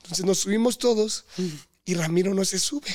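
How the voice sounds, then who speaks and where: A man's voice: high voice, normal speed. A young man with a Mexican Spanish accent, telling embarrassing school stories in a casual chat and acting out other people's lines. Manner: animated, acts out other people's lines with loud shouts. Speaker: podcast guest.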